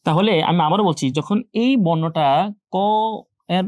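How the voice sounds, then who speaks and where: A man's voice: on the high side, fairly quick, a little mellow, no echo, clean studio sound. Patient young man drilling letter sounds. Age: young adult. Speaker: Quran teacher. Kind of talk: online class lecture.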